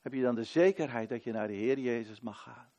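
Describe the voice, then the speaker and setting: Male preacher, loud proclamations, hushed prayers. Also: medium pitch, brisk, highs cut off. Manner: emphatic, often repeats a phrase for weight. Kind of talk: sermon. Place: church service.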